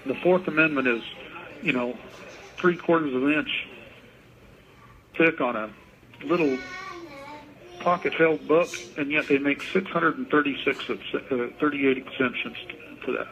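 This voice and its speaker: A man speaking as an inmate guest on a payphone call, talking politics informally in a halting way and repeating his words. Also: a little high, a bit bright. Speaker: interview guest, prison inmate calling in. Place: prison phone. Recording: muffled, noisy payphone line.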